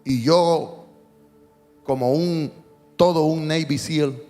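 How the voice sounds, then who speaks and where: Male preacher with a higher-pitched voice telling a story with jokes and hushed tender moments; reverberant sanctuary sound with soft music behind. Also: slow pace. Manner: storytelling with jokes, dropping to a hushed tone for emotional parts. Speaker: pastor. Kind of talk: sermon. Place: church sanctuary. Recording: long hall reverb, faint music behind.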